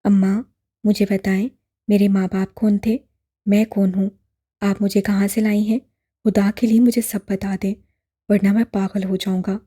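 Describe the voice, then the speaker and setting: A woman voicing a distraught young man who pleads and shouts in despair, in an audiobook drama. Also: mid-range voice, level tone, a little slow, slightly rough. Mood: desperate.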